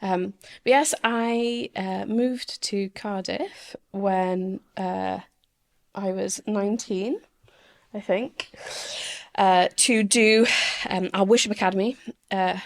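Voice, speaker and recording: Podcast guest: woman, thirties, mid-pitched with vocal fry, thoughtful and hesitant. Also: fairly even intonation, slow pace. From Swansea, Wales. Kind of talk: casual interview chat.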